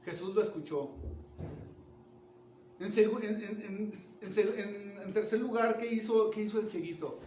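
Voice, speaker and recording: A man preaching a sermon in an animated way, asking the congregation questions and restarting words. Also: high-pitched, measured pace, slight background noise. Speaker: pastor. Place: church. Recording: echoey church room from far off.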